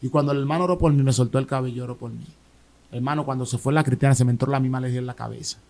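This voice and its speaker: A man with a Dominican accent giving an emotional personal testimony as an interview guest, telling his story in an animated way with restarts and repeated words. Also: mid-range voice, rapid-fire. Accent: Dominican Spanish.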